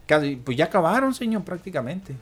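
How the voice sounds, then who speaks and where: A man's voice: a little high, very animated, a little fast. A man with a northern Mexican border accent talks casually as a radio call-in host, explaining things in colloquial words and often checking for agreement.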